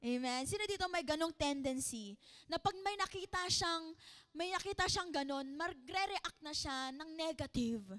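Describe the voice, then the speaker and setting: A young woman with a Filipino accent preaches to a youth service. Her voice sits high, and she keeps it playful, joking with the crowd and shouting the big lines of her story. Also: lively intonation, normal speed. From Philippines. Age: 20s. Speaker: youth pastor. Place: church youth service hall.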